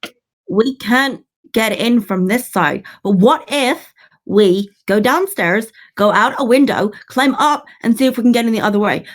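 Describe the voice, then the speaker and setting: A woman's voice: fairly high pitch, expressive, measured pace. A woman playing a tabletop game, talking in a hesitant way with worried questions. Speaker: player. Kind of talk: casual tabletop play.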